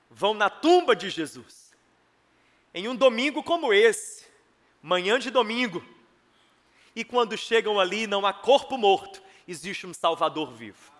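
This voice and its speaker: A man preaching a sermon as pastor, swinging between loud emphasis and hushed, intense passages. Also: high voice. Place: church sanctuary. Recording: long hall reverb, church sanctuary.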